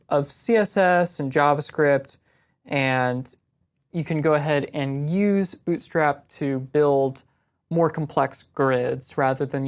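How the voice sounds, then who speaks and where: A young woman answering viewer questions about web design in a casual, relaxed screen-share lesson, explaining step by step. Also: very deep voice.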